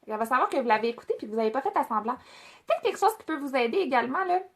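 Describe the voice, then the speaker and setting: A woman's voice: high voice, very animated, very fast. A woman with a Québécois French accent leading a casual product training, chatty, with many fillers and restarts as she speaks directly to her trainees.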